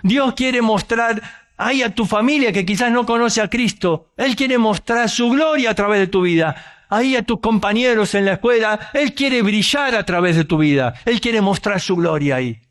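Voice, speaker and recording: A man with an Argentine accent preaching a sermon, telling a story with animated, conversational asides and rhetorical questions. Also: sits high, moderate pace. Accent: Argentine Spanish.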